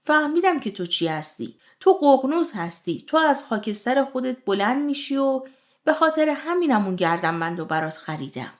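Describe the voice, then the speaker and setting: A woman's voice: high-pitched, sing-song. A woman voicing a devoted, earnest young husband in a solemn manner. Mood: tender.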